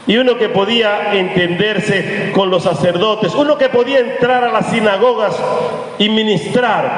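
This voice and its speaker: A man with a Venezuelan accent preaching, his voice sitting fairly high. He turns dramatic when quoting scripture, slowing down and sinking low. The sound is very echoey, with a long church reverb and faint background noise. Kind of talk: sermon. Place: church sanctuary. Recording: echoey church hall from the pulpit.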